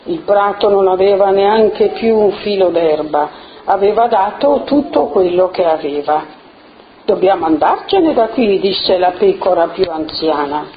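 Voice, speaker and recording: A woman's voice: mid-range voice, unhurried. Woman leading a group activity. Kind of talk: giving instructions and reading a fable. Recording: muffled with faint noise.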